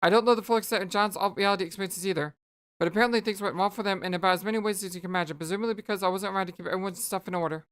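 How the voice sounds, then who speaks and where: A woman's voice: mid-range voice, steady tone, rapid-fire, lightly acted. A woman voicing a dry, witty young know-it-all who explains things articulately. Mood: explaining. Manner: articulate, wry.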